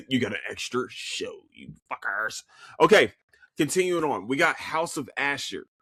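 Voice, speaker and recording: Speaking a little slowly in a husky, mid-range voice, this Philadelphia-accented man runs a solo podcast where he casually reviews shows he's seen. He gets animated, curses freely, and keeps restarting and stammering through repeats. The studio sound is clean with no room sound.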